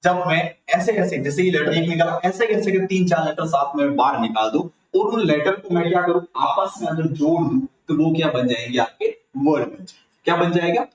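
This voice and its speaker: A man's voice: fairly high pitch, brisk, few pauses. A man with a Rajasthani Hindi accent teaching an online grammar lesson, asking the class questions and answering them himself. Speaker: tutor. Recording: echoey room, mic far off.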